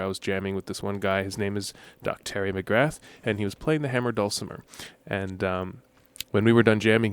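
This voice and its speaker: A young man guesting in a radio studio interview, explaining at length in a relaxed way with many ums. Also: on the low side, smooth, no echo. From United States. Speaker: musician guest.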